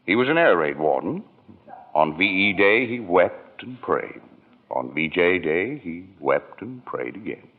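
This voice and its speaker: Deep, husky, solemn angel. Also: male voice, sing-song, exaggerated voice. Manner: solemn, measured storytelling. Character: grave senior male angel narrating a man's life. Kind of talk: 1940s radio drama acting. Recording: dull old radio recording, music underneath.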